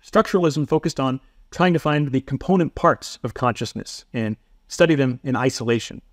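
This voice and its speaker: A man talks through a psychology lesson in a steady, methodical way, with a dry, self-deprecating wit. His voice sits at an ordinary middle pitch. The recording is close and dry, with no room sound around it. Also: moderate pace, no room sound. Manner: methodical, explanatory delivery. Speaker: psychology instructor. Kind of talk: scripted educational narration.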